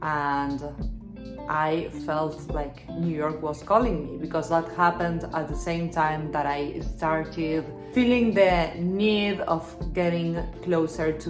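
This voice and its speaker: A woman in her thirties from Argentina, chatting upbeat in a get-to-know-me vlog and answering questions she reads out herself. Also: low voice. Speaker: image consultant and stylist. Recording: roomy sound with guitar music behind.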